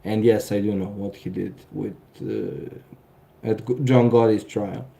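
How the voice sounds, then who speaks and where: A man's voice: on the low side, lively intonation, slow pace, gravelly, mellow. A man in his thirties with a Serbian accent, hosting a casual live stream and answering viewer comments with dry sarcasm and frequent chuckles. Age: 30s.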